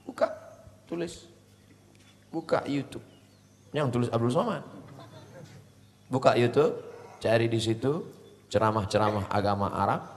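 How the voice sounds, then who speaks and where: A middle-aged man preaching to students, telling stories in a lively, humorous, animated way. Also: mid-range voice. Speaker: Islamic preacher. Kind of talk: sermon to students. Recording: long hall reverb.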